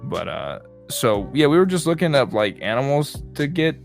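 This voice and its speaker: A man's voice: mid-range voice, sing-song, normal speed, gravelly, faint music behind. A young man chatting as a podcast guest, rambling with lots of fillers. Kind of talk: casual chat.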